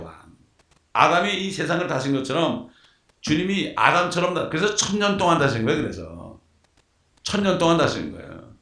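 A man's voice: a little high, creaky, fairly bright tone. A man preaching a sermon in an emphatic style, often asking the congregation rhetorical questions. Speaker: pastor. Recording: echoey, from far off the mic.

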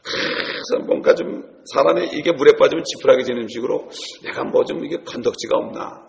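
Gravelly-voiced preacher in an echoing hall. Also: male voice, a little high, fairly quick, slight background noise. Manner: storytelling, addresses congregation directly. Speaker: pastor. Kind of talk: sermon.

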